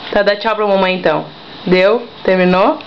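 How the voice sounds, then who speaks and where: A woman's voice: mid-range voice, fairly even intonation, moderate pace. A young mother talking baby talk to her toddler, coaxing and repeating herself in a sing-song way. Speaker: mother feeding her child. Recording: dull lo-fi home video with faint noise.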